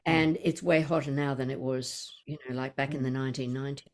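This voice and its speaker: This Australian woman in her seventies has a very deep, darkish voice and a brisk, fairly even delivery. As host of a conversational podcast interview, she chats freely, laughs readily and wanders off on tangents.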